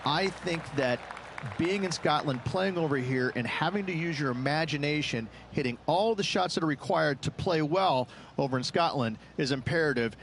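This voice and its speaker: Golf commentator, man: enthusiastic analyst, higher voice, descriptive delivery, clear background noise. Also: normal speed, fairly bright tone, a faint crowd. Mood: enthusiastic, explanatory.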